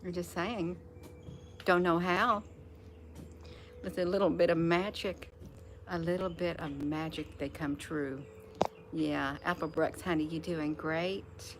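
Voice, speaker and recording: A woman's voice: lowish voice, fairly even intonation, takes it slowly, long pauses. A woman hosting a casual live stream outdoors, talking to viewers in a folksy way and repeating phrases for emphasis. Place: outdoors on a porch. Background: wind chimes and birdsong.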